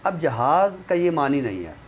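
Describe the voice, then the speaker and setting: This literary expert guest is a man whose voice sits on the high side and swings widely in pitch at a moderate pace. He teaches in a conversational way, often adding tag phrases to check the listener is with him. The recording comes from a clearly noisy room.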